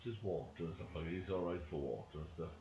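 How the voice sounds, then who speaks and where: A man with a low, mellow voice talks fast while playing an online role-play game, joking around, swearing freely and repeating catchphrases in casual banter. The recording is muffled and faintly noisy, with an echoey room sound.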